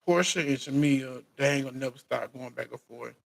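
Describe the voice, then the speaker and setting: A man's voice: mid-range voice, brisk, creaky. An American man hosting a casual live recap, speaking in informal colloquial phrasing and often restarting and repeating his phrases. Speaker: recap show host. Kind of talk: casual live recap chat about reality TV.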